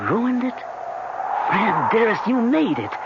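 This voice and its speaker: An actor playing an earnest, incredulous husband in an old-time radio mystery, speaking in an emotional, halting, melodramatic way. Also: male voice, high voice, sing-song, exaggerated voice. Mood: dawning remorse. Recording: noisy, muffled old AM radio broadcast.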